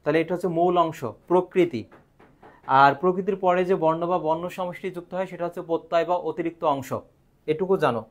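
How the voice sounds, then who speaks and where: A man's voice: sits high, fairly even intonation, fast. A man teaching a live online grammar lesson, asking questions and answering them himself.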